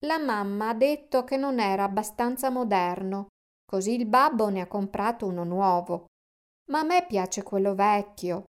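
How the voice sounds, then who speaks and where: A woman voicing a small lost boy who talks eagerly and pleadingly, in a higher voice than her own. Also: clear, resonant tone, natural voice.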